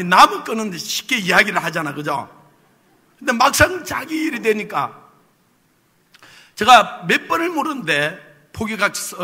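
A man's voice: sits high, sharp tone, slightly rough. A male pastor preaching a sermon, telling a personal story with humor and tossing rhetorical questions to the congregation. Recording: long reverb of a church hall.

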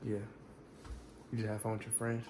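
A man vlogger in casual chat, talking in a slangy, low-key way. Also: monotone, normal speed. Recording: roomy echo with loud background noise.

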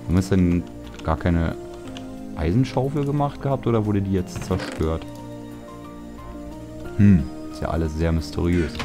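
A young man from Germany talks his way through a building game in an easygoing, rambling voice. His pitch sits very low, and he mutters jokey complaints to himself. Music plays clearly under his voice-over. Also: moderate pace, long pauses. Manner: chatty, self-mocking, grumbling asides. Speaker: let's play host. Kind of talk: casual gameplay commentary.

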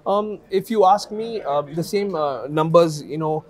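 In a news studio interview, a male analyst in his thirties speaks in a measured way on a lapel mic, using many fillers. His voice is a little high.

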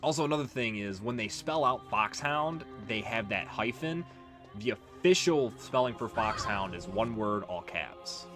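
With a lowish, expressive voice and a measured pace, a man narrates his let's play in a casual, swear-heavy way, sounding exasperated whenever he struggles. Video game music fills the background.

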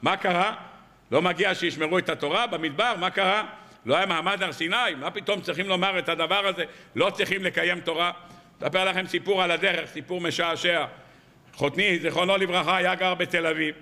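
Rabbi, male, high bright voice, anecdote-driven weekly sermon with rhetorical questions, long hall reverb. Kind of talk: storytelling sermon on the weekly Torah portion. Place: evening lecture hall.

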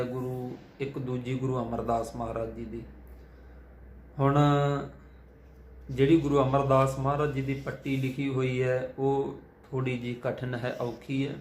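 A man who chants scripture and then teaches how to pronounce hard words. He spells out letters and vowel signs slowly and carefully. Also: mid-range voice. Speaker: Sikh scripture reader and teacher. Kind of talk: chanted scripture recitation, then pronunciation lesson. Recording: echoey room with faint ambient noise.

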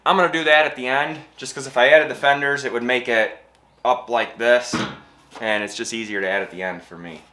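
This vlogger, a man in his thirties, narrates a trailer build step by step in an easygoing way from his home garage workshop. His medium-pitched voice is steady and sharp, delivered at a brisk pace, with plenty of noise from the garage around him.

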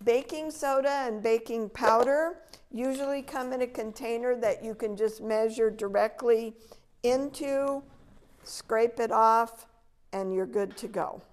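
Slow-spoken older woman teaching cooking. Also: on the high side, darkish tone. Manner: patient, step-by-step instructional. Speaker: extension educator. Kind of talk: cooking demonstration. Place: large indoor demo kitchen.

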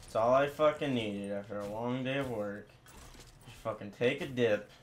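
A young man cursing his way through gameplay commentary, frustrated and bursting into loud yells. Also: medium pitch, moderate pace, a little hiss or hum. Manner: swearing, frustrated, bursts into yelling. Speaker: gamer.

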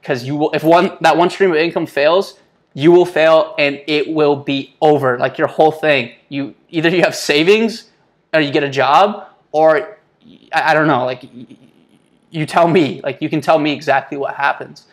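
An Israeli-born online entrepreneur, YouTuber and mentor in his twenties talks to camera in a casual motivational vlog, using informal slang and often calling his viewers "guys." His voice is fairly high, steady in tone and at normal speed. He's indoors in a small home office, recorded on a lapel mic.

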